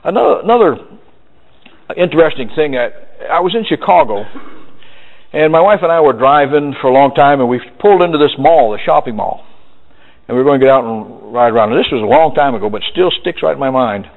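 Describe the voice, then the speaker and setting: A man's voice: a little high, a little fast, vocal fry. A man giving a sales seminar, telling folksy stories and acting out what customers say. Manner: folksy, animated storytelling with acted quotes. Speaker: sales trainer. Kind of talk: live sales seminar talk. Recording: tinny lo-fi recording in a reverberant hall.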